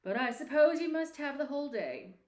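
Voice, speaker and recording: A woman's voice: high-pitched, very animated, normal speed, a little mellow, roomy sound, voice pushed up. A woman voicing a miserly, sour old businessman who scolds grudgingly and sarcastically in a storybook reading. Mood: scolding, sour.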